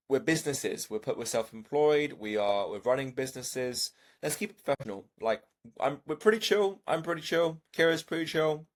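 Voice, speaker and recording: A young man talks through coaching as a gym owner would. His voice sits at an ordinary pitch and he keeps it casual and animated. He swears freely and often restarts his sentences. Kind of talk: casual coaching lesson to camera.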